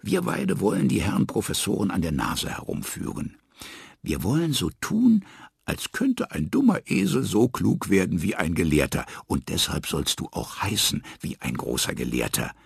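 A cheeky, mocking trickster, as a male narrator voices him, with a gravelly, husky low voice. He swings widely up and down as he teases, close and dry on the mic. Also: wildly swooping pitch, normal speed, no echo, full character voice. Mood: teasing.

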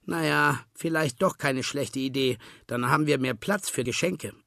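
A man's voice: mid-range voice, moderate pace, vocal fry, bright, forceful tone, no room sound, clean studio sound. A man voicing a sly, lazy fox that grumbles and schemes in a storybook reading. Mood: scheming. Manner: grumbling, wheedling.

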